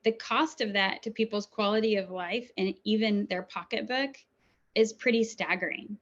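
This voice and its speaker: A woman's voice: mid-range voice, normal speed. Woman doctor giving a webinar talk. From New Zealand. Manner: warm, conversational, frequent ums. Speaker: urologist. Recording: dull lo-fi webinar audio.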